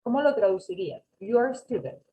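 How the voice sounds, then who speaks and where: Mellow-voiced woman teaching English. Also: mid-range voice, expressive, normal speed, low-quality recording. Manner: patient, correcting and encouraging, mixing Spanish and English. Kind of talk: online class instruction.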